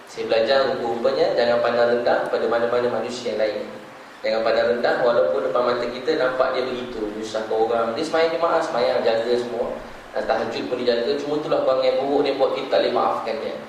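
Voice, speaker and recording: A man's voice: mid-range voice, a little hiss or hum. A man with a Malaysian Malay accent preaching a sermon as a storyteller, repeating phrases for emphasis, recorded in a large hall. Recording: echoey hall, speaker far from mic.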